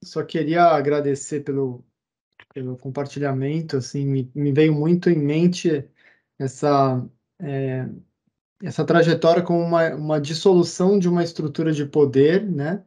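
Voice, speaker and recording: Mellow man, thoughtful and halting. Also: on the high side, fairly even intonation. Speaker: meeting participant. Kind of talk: reflective comment.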